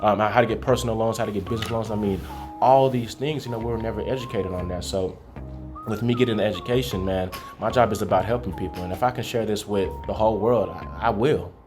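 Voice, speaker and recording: A low-pitched young man who grew up in Haiti talks earnestly in a casual interview and keeps checking in with his listener. Faint music plays softly under his voice. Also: quick pace. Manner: earnest, keeps saying "you know what I'm saying". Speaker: guest, credit repair consultant.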